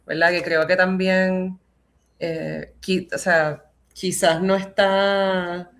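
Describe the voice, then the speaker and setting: A woman's voice: on the low side, flat delivery, slow. A woman moderating an informal panel conversation in tentative, circling phrases.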